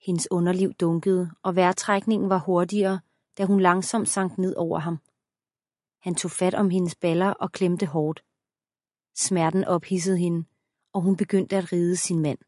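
A woman's voice: on the low side, level tone, darkish tone, no room sound. Give me a woman narrating an audiobook steadily, with a dry close sound. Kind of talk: scripted narration.

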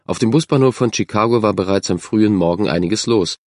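A man giving scripted narration of a children's story in a measured, even way. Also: on the low side, dry recording, clean studio sound. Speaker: audiobook narrator.

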